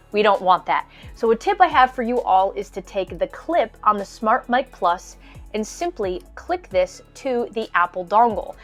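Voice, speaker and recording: A woman narrating a step-by-step tech tutorial voice-over as a product reviewer, explaining calmly and plainly. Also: mid-range voice.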